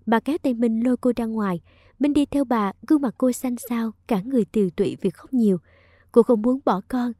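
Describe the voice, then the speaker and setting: A woman narrates a romance audiobook with an emotive, storytelling delivery. Her voice is fairly high yet soft and mellow, recorded close with a dry sound. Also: dry recording.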